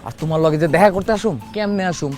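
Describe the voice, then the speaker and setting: A man's voice: high-pitched, very fast, a little mellow, faint music behind, lightly acted. A man playing a cheeky young village nephew. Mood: pleading.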